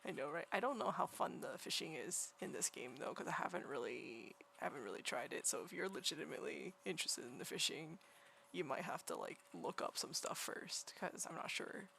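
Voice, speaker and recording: A woman livestreaming while she draws, chatting casually in a quiet, soft, near-whispered voice and rambling through many restarts. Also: sits low, lively intonation, fairly quick, gravelly, slight background noise. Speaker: livestreaming artist. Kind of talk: casual chat while drawing. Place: home room beside a partner who is gaming.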